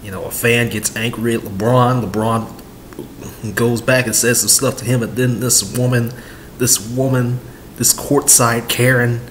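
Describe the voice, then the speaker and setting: Young man, casual sports vlog, rambling, filler-heavy, webcam audio, faint rumble. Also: steady tone, unhurried. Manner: rambling, many fillers and repeats. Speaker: sports vlogger. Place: small room at home, indoors. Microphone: webcam at desk.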